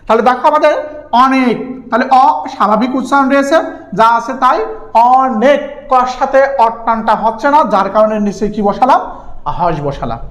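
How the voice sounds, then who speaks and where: A man's voice: very high voice, fairly bright tone. Bangladeshi man teaching in an echoey room. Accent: Bangladeshi Bengali. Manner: asks questions and answers them himself, drawing out words. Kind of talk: exam-prep grammar lesson.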